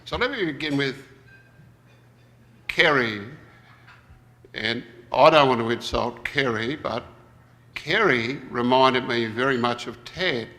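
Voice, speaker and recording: Speaking slowly and pausing often, the man has a mid-range voice that is bright and forceful. He is presenting a reflective plenary talk in a reverberant conference hall, thinking aloud as he goes.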